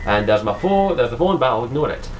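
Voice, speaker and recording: Fast and with big pitch swings, a young man from Scotland offers casual, profane solo commentary about a game in his Scottish accent. His medium-pitched voice is full of ums and restarts, and the low-quality recording carries slight hiss or hum.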